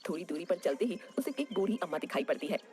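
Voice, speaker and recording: Fast-paced woman narrating a cartoon story. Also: fairly low pitch, expressive, a little mellow.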